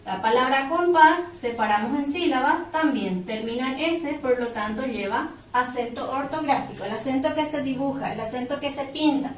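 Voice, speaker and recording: A woman teaching a grammar lesson, slowly and emphatically, stretching out key words. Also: high voice, roomy sound, distant mic, slight background noise, poor audio. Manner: slow, emphatic, drawing out words.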